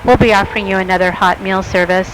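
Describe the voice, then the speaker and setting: A woman's voice: medium pitch, steady tone, quick pace, fairly bright tone, rough recording. A woman speaking as a flight attendant, giving a scripted airline cabin announcement to passengers. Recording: cabin announcement over airplane engine noise.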